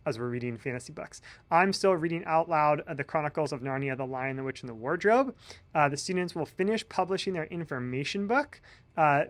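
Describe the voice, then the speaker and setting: A man's voice: a little high, a bit bright. A man, a grade-school teacher, giving parents a casual weekly class update with many fillers. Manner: friendly, informal, with frequent uh and um fillers.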